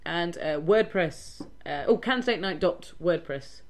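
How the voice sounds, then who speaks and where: A woman's voice: lowish voice, animated, unhurried. A woman co-hosting a podcast in casual chat, teasing playfully and giggling. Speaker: podcast co-host.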